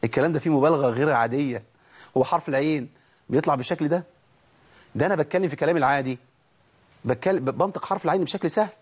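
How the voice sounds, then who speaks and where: Fast-talking Egyptian teacher of recitation. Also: male voice, a little high, husky. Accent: Egyptian Arabic. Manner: lively, chatty and scolding, breaks into slow chanted recitation for examples. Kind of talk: tajweed lesson.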